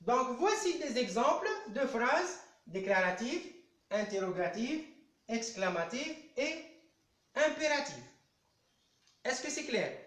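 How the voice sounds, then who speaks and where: A man teaching a live online French lesson at a chalkboard. He speaks slowly and patiently and keeps coaxing his pupils to answer. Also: extremely high pitch, sing-song, a bit bright. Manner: slow, patient, coaxing, repeats "allez" to prompt pupils. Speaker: primary school French teacher. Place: indoor room at a chalkboard. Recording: roomy echoey room sound.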